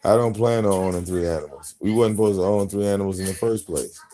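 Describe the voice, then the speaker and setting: A man's voice: deep voice, steady tone, fast. Blunt, profane man ranting on a live stream. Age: 40s. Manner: drops into soft baby talk with his pets. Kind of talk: casual live-stream rant.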